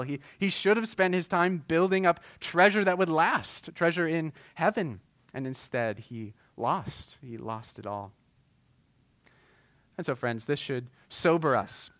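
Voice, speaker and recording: A man preaching a sermon as pastor, earnest and measured, with frequent filler words. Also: fairly high pitch, a bit bright, no room sound.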